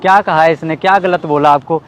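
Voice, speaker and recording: A young man hosting a staged street skit, earnestly lecturing and pleading for calm, outdoors on a city street. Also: a little high, brisk, a little hiss or hum. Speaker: prankster host of a street skit. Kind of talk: scripted street confrontation skit.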